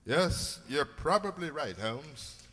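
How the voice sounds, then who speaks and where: A man playing an excitable, earnest doctor, the detective's loyal sidekick in a radio mystery, given to exclamations. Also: a little high, slow pace, full character voice. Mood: subdued, genial. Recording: long hall reverb.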